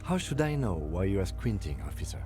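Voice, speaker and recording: Very deep, dry police detective. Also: male voice, sing-song, music in the background. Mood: measured, dry. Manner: measured, matter-of-fact, dry. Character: composed, methodical male police detective, dry and precise. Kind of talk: video game character acting.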